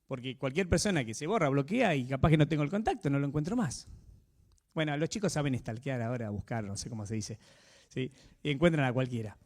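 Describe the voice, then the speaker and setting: Male preacher, Rioplatense accent, lively pitch, keeps asking the congregation questions. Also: fairly quick. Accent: Rioplatense Spanish. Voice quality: animated, swinging pitch. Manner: conversational, asks the audience frequent tag questions. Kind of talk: sermon.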